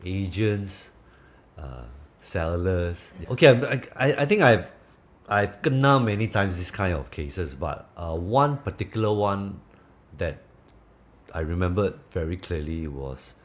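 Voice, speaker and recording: Low-voiced Singaporean man chatting in Manglish. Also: lively intonation, a little slow. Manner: Singlish/Manglish particles and slang. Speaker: property agent, interview guest. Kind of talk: casual chat in Manglish-style colloquial English.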